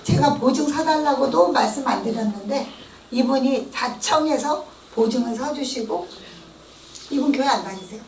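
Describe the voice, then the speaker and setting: A middle-aged woman giving a church testimony, telling her story in a lively way and acting out the voices of the people she quotes. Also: sits high, moderate pace, a little hiss or hum. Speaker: testimony speaker. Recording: echoey hall, mic at a distance.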